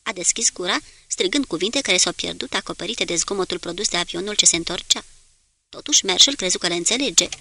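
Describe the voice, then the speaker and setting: A woman narrating a war novel as an audiobook, in a steady, measured storytelling manner. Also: on the low side, gravelly, no echo.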